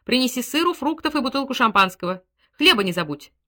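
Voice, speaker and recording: Brash, domineering young woman in a storybook, put on by a woman reader; loud, bossy, swings widely in pitch. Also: very animated, fast talker, exaggerated voice.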